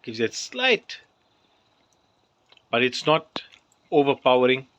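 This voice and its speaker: A man's voice: medium pitch, very animated, slow, a bit bright, dull audio. A man who is the guest cook chats casually, mostly answering in short agreeing replies. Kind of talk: casual chat.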